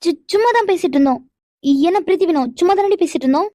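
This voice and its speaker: A woman plays a fretful young woman in a cartoon who exclaims and defends herself at every turn. The voice is very high and brisk, and it stays dry and close to the mic. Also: expressive, warm tone, no room sound. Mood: flustered. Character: anxious young woman Iniya, quick to panic. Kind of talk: animated cartoon dialogue.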